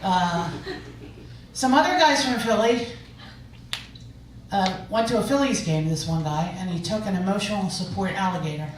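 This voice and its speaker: A woman comedian on stage tells her stories in a chatty way and lands each punchline with a rhetorical question. The recording is very echoey and heard from far off. Audience laughter and room noise come through clearly behind her. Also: mid-range voice, moderate pace, long pauses. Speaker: stand-up comedian. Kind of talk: stand-up storytelling. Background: audience laughter and room ambience.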